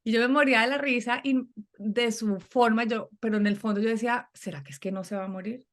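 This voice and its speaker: A middle-aged woman telling a personal story in conversation, animated and acting out the voices she quotes. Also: fairly high pitch, brisk. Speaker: guest.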